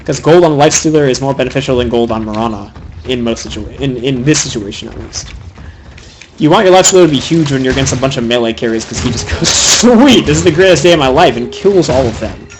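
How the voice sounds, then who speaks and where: A young man giving fast, opinionated solo commentary on a video game match, critiquing the players' item choices. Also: medium pitch, a little hiss or hum, rough recording. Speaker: game caster.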